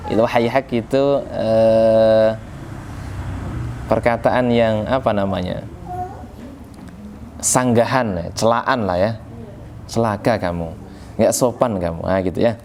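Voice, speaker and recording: A man's voice: fairly low pitch, fairly even intonation, takes it slowly, pauses often, darkish tone, a little hiss or hum. A man teaching a classical religious text, reading Arabic and explaining it phrase by phrase in a conversational way. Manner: conversational, addresses listeners as sir, frequent filler particles. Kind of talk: classical text study lesson.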